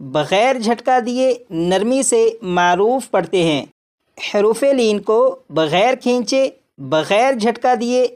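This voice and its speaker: Patient male recitation teacher. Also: very high voice. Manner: patient, repeats each rule and demonstrates sounds slowly. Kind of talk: step-by-step recitation lesson.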